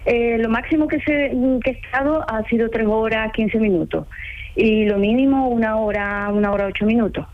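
A woman's voice: on the high side, moderate pace, narrow, tinny audio. A talkative, earnest woman from Ecuador with an Ecuadorian accent, a home care assistant calling in to a radio interview. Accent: Ecuadorian Spanish. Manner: talkative, earnest, laughs easily.

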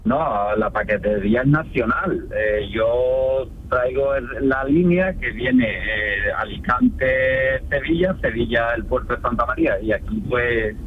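A man, a truck driver, calling in to a radio show and explaining his delivery route in halting, repeated phrases. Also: medium pitch, expressive, slightly rough. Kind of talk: phone-in conversation. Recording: tinny phone line.

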